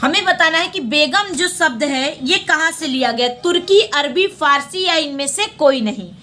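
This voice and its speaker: High bright-voiced woman teaching. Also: expressive, normal speed. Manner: repeats answers as call-and-response questions. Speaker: Hindi exam teacher. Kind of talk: exam question walkthrough lesson.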